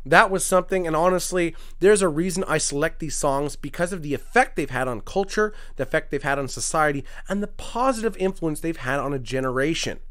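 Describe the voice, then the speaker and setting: A man hosting a comedy podcast, reciting rap lyrics word for word in a mock-serious deadpan and stopping to comment dryly on them. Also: a little high, a little fast, hardly any pauses. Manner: mock-serious, dry commentary between lively recited lines. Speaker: podcast host.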